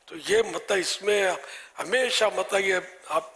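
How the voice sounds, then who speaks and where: A man giving a live religious talk with soft-spoken advice, often dropping to a whisper. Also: sits high, in a large hall. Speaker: religious scholar.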